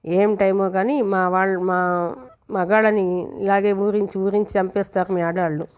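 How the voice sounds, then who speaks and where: A woman's voice: medium pitch, little pitch movement, moderate pace, a little mellow, clean tone, lightly acted. A woman narrator voicing a young male special branch officer who teases his partner in playful banter.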